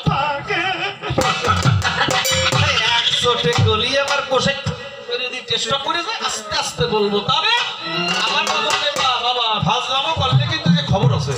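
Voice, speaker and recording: Brief: male folk singer chatting to a crowd from the stage, very high voice, roomy echoey sound. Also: fairly quick. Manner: chatty, calls the audience "baba", quizzes them. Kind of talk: joking stage storytelling to a live crowd. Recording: echoey stage sound from far off, music behind.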